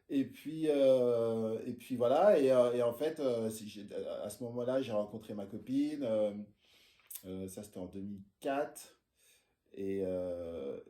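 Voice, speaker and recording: This man's voice sits low and warm, with a roomy sound around it. He is a French osteopath in his forties, relating his life story casually from his practice room. He hesitates often, relying on fillers and restarts.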